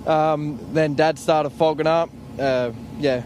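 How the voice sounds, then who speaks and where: A young Australian man gives a casual interview as a navigator fresh from a race. His voice is a little high, with faint vehicle noise outdoors. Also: steady tone, slow, a little mellow. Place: outdoors at a desert race finish line.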